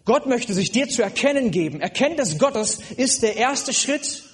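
A man delivers a sermon in a fairly high voice. He speaks earnestly and directly to his listeners, often pausing on hesitant fillers. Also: big pitch swings. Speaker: preacher.

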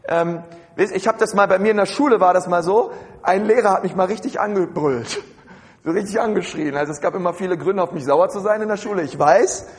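A man's voice: sits high, brisk, in a large hall. A man preaching a sermon in a conversational way, with many fillers and asides and frequent rhetorical questions to the congregation.

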